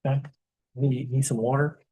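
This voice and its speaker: Male council chair, mid-pitched, easygoing, keeps the agenda moving. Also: slightly rough, poor audio. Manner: relaxed and polite, moves items along briskly. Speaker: council president chairing the meeting. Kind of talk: procedural meeting chairing. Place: town council meeting room.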